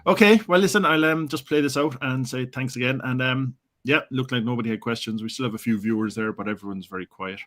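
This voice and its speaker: A man's voice: medium pitch, quick pace, fairly bright tone. A man hosting a casual live-streamed interview, friendly and hesitant, with many ums. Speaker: podcast host.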